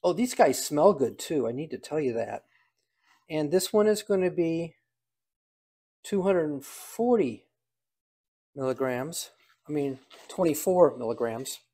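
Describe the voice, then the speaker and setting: A man's voice: a little high, animated, unhurried, pauses often, dark tone, husky. An older man giving a casual hands-on demonstration, talking aloud in a folksy, dryly humorous way. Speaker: home cider maker demonstrating.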